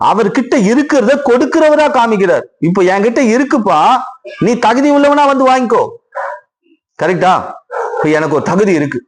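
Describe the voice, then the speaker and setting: Preaching Tamil-accented pastor, fairly high voice. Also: male voice. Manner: repetitive, questioning the congregation. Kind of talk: sermon.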